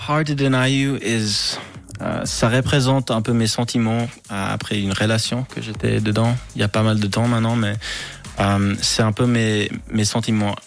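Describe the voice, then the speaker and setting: A calm man giving a casual interview in halting French, slipping in words. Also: lowish voice, creaky, soft background music. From Switzerland or Britain. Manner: hesitant, halting French with English words mixed in. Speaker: pop singer, interview guest.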